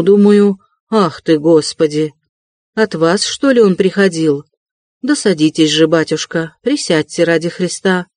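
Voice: mid-range voice, a little mellow, no echo, natural voice. A reader voicing a fussy, ingratiating middle-aged male investigator in an audiobook, wheedling and chuckling. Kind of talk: audiobook character reading.

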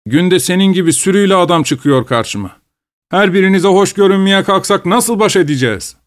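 A man's voice: high voice, animated, a little fast, pitched above the performer's own voice. A stubborn peasant woodcutter, as a man puts him on in a spoken story. He answers back with cheeky defiance and a mocking edge, in a plain, everyday voice with a slight lift. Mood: defiant.

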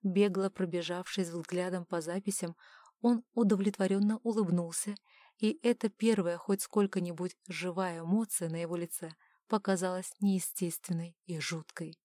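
A woman reading a first-person story aloud as an audiobook narrator, in a steady, measured storytelling voice. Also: fairly low pitch, dry recording.

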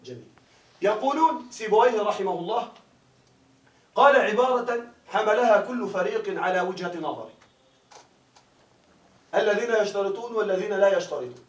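A man gives a classroom grammar lecture in a fairly high voice, stopping often to ask whether the students follow. He is heard from some distance off the mic. The room is echoey. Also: lively intonation, normal speed, pauses often. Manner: keeps asking students if they follow. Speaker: grammar teacher.

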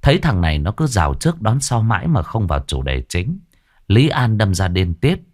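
A man with a very deep voice narrates a ghost story. His delivery swings up and down, expressive and full of storytelling cadence. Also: normal speed.

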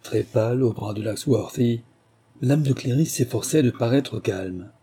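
Dark husky male audiobook narrator. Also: mid-range voice, normal speed. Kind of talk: scripted narration.

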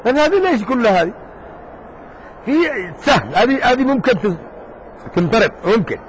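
A man teaching a jurisprudence lesson in a mosque circle, talking casually and lively, joking with his students and firing rhetorical questions at them. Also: extremely high pitch, brisk, slight background noise, rough recording. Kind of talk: informal classroom lesson.

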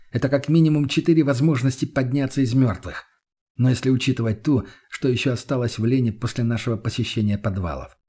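A man giving steady first-person audiobook narration. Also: medium pitch, slightly rough.

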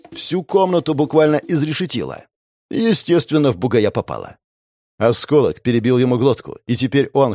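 A man's voice: medium pitch, darkish tone. Gritty male audiobook narrator. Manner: intense, gritty storytelling. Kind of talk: dramatic scripted narration.

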